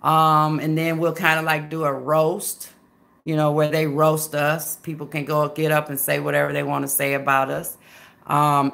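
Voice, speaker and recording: A Memphis woman in her fifties with a Southern American accent chats folksily on a casual livestream, calling her viewers "baby" and "girl." Her low voice carries vocal fry and a sharp edge.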